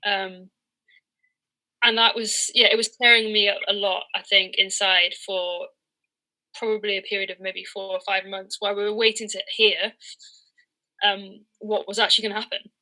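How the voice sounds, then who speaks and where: Being interviewed, a woman in her early thirties who plays cricket professionally and coaches talks in a candid, reflective way, pausing as she gropes for the right words. She speaks at normal speed in a mid-range, fairly monotone voice that sounds pushed and bright, and the recording is rough.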